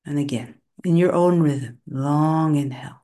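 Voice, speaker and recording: Slow, soft-spoken woman meditation guide. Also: sits low. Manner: slow, soothing, spoken in short phrases with long pauses. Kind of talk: guided body relaxation and breathing session.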